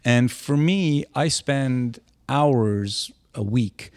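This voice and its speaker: An older retired man co-hosts a podcast in a mid-range voice, speaking very slowly in a recording with no echo. His easygoing, casual chat rambles along with frequent restarts.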